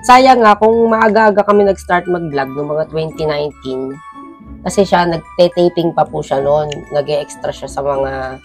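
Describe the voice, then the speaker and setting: Low-voiced woman talking to viewers. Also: normal speed, soft background music. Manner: animated, speaks directly to viewers. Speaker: vlogger co-host. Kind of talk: casual vlog chat to viewers.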